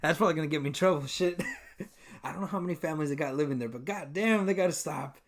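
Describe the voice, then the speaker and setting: Young man with a slightly high voice. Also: heavy background noise. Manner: quick reactive questions, joking and swearing. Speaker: podcast co-host. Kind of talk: casual chat.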